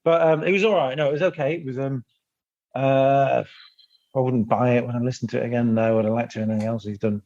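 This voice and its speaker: A man's voice: medium pitch, fairly even intonation, fast, a little mellow. A man co-hosting a podcast in casual chat, hesitant and rambling with lots of ums. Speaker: podcast co-host. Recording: slightly dull, muffled sound.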